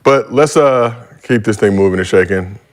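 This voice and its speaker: A man's voice: lowish voice, moderate pace. A man hosting a sports podcast, moving topics along with jokey setups. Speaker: podcast host. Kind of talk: casual sports chat.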